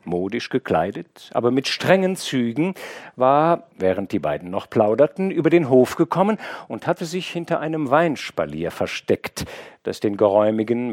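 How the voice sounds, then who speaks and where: A man reading a classic novel aloud as an audiobook narrator, in a measured, expressive storytelling manner. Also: no room sound, clean studio sound. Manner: measured, expressive storytelling with wide pitch movement. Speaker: audiobook reader. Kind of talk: scripted literary narration.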